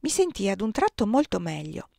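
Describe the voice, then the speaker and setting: A woman reading a novel aloud in calm, even narration. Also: mid-range voice, brisk, gravelly, no echo, clean studio sound. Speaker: audiobook reader.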